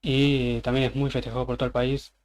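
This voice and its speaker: This man talks fast, his medium-pitched, darkish voice showing little pitch movement. Speaking with an Argentine accent, he walks listeners through slang word by word with examples in a casual presentation on a voice chat server.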